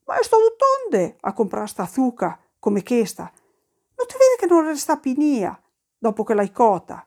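Woman doing a shrill scolding housewife. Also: very animated, unhurried. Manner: sharp, scolding, raised voice. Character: scolding exasperated housewife, middle-aged woman.

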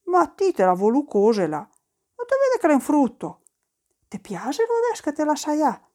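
A woman's voice: high voice, wildly swooping pitch, moderate pace, dark tone, pitched above the performer's own voice. Woman doing a teasing good-humored husband.

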